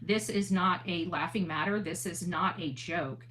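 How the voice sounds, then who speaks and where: Speaking a little slowly in a lowish, fairly bright voice, a woman runs an online channel's livestream. Her talk is a casual, earnest monologue with replies to chat, and she keeps restating and rewording things to stress them.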